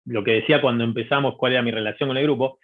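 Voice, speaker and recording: A man's voice: mid-range voice, steady tone, racing. A man in a casual music debate, talking hesitantly with many fillers. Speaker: panelist. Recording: tinny phone-like call line.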